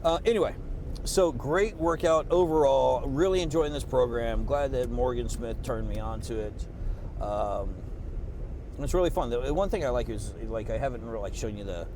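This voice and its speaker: A worn-out fitness vlogger talks casually after a workout in a mid-range male voice at normal speed, rambling and swearing with lots of fillers and restarts. He's on a clip-on mic under his jacket in a noisy outdoor street recording with traffic and street noise.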